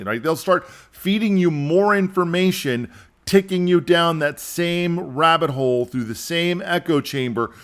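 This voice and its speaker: A man hosting a podcast, delivering an animated, exasperated opinion monologue. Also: a little high. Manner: animated, exasperated ranting with mocking impressions. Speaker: podcast host.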